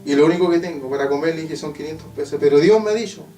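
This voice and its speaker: A man from Chile with a Chilean Spanish accent, preaching an evangelical sermon and telling a testimony with emphatic, drawn-out phrases and repeated refrains. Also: on the high side, dark tone. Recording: echoey church hall from a distance with faint guitar. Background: faint guitar playing.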